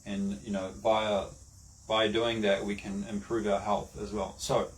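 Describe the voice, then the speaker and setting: A low-voiced man with a New Zealand accent talks through a casual lesson, halting often with fillers and restarted phrases. He sits a little away from the mic, and faint background noise hangs under his voice. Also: little pitch movement, distant mic, low-quality recording. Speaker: online lecturer.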